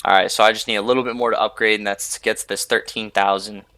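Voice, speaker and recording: A man's voice: fairly low pitch, flat delivery, fast, sharp tone, no room sound. A young man hosting a gaming video, rambling casually over his gameplay and filling gaps with "like" and "you know". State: sleepy, yawning. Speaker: gaming channel host.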